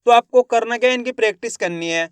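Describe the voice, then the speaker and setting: High-voiced man spelling out words slowly. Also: clear, resonant tone, dry recording. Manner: slow, drawn-out spelling of syllables, repeating each word. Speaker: Hindi writing teacher. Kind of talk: syllable-by-syllable spelling lesson.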